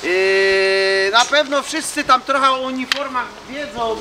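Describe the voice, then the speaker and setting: High-pitched man with a Silesian accent. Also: unhurried, pushed and bright. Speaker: mining reenactment group member addressing visitors. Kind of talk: informal outdoor public talk in Silesian dialect. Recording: noisy outdoor ambience.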